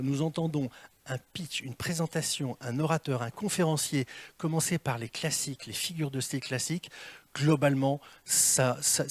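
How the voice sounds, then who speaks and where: Male workshop trainer with a handheld mic, lively and theatrical, slightly high voice, dry sound. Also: dry recording. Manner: lively, theatrical, asks the audience questions. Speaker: communication trainer. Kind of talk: live workshop talk to an audience. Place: meeting room with an audience.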